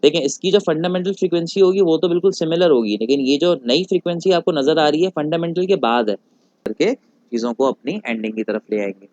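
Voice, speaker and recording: A male physics teacher giving a recorded lecture. He asks rhetorical questions, answers them himself, calls students "beta" and slows down on English technical terms. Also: on the high side, darkish tone, no room sound. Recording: dull lo-fi, dry recording.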